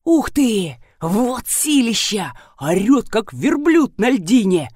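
A woman's voice: fairly high pitch, big pitch swings, takes it slowly, slightly rough, dry recording, studio quality, voice pushed up, heavily acted. A woman doing a boisterous, gleeful young man. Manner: loud, gleeful.

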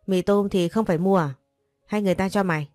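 A woman playing a scolding, fast-talking mother. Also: medium pitch, no echo, clean studio sound, faint music behind, close to an everyday voice. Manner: sharp, rapid scolding. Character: harsh, scolding middle-aged mother.

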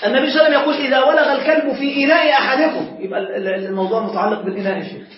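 A man's voice: very high-pitched, steady tone, very fast, slight background noise. A man, a sheikh, teaching a class and asking his students questions that he then answers himself. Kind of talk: classroom lecture. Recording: echoey room, far from the mic, dull lo-fi.

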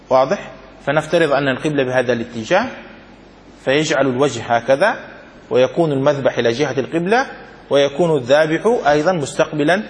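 A man teaching a classroom lesson as a sheikh, reading out a text, then explaining it, repeating phrases and asking if it is clear. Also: fairly high pitch, big-room sound. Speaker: sheikh teaching Islamic law.

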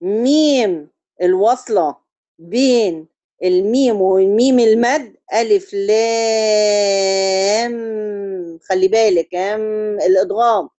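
Speaking in a warm, mid-range voice with no echo, this Egyptian-accented woman teaches tajweed for Quran recitation. She breaks things down gradually, repeatedly confirms her students are following, and draws out chanted syllables to demonstrate correct pronunciation.

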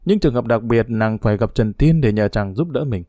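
A man narrating a novel in a steady storytelling reading. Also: medium pitch, a little fast, no room sound, clean studio sound. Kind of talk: scripted audiobook narration.

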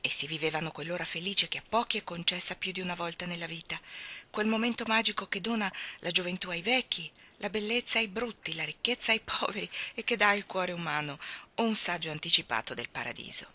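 Woman reading an old novel out loud, calm and measured, really bright tone. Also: on the low side. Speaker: reader. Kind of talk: audiobook reading of a classic novel.

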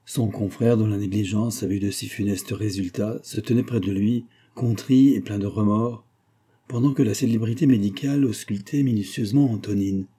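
A man narrating a classic novel as an audiobook, his voice low-pitched, dark and mellow. He reads steadily and without hurry, with a husky edge. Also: steady tone, normal speed. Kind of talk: scripted narration.

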